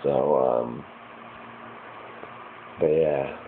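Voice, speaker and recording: Low-pitched American male, casually piecing dreams together in a hazy, puzzled ramble, on a muffled lo-fi recording. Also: steady tone, extremely slow. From United States, Michigan. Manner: hazy, puzzled, groping to remember. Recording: muffled lo-fi with clear background noise.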